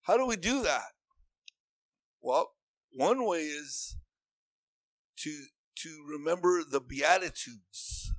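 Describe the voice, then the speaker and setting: A man's voice: on the high side, animated, slow pace, long pauses, no echo. A man preaching a sermon in an earnest, repetitive way that rises into emphatic bursts.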